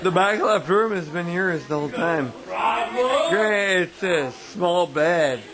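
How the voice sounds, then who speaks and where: A drunk, hiccuping man hosting a party in his new house, rambling and giggling slowly as he films on a handheld camera. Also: sits high, over a noisy crowd, poor audio. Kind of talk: casual home video chat. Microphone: handheld camera mic.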